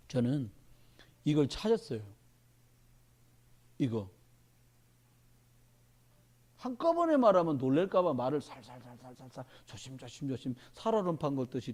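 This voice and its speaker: A middle-aged male pastor preaching a sermon to his congregation in a church, talking animatedly and addressing them directly. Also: a little high.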